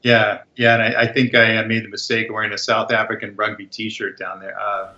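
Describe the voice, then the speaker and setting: A man's voice: on the low side, little pitch movement, fairly quick, sharp tone, lo-fi sound, a little hiss or hum. A man speaking as a guest expert in a podcast interview, talking confidently and with emphasis.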